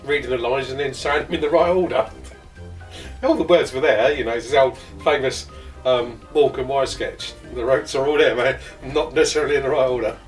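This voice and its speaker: Ein britischer Darsteller plaudert locker und witzelnd über seine Rolle. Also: male voice, mid-range voice, brisk, soft background music. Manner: chatty, jokey. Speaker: cast member. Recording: distant mic.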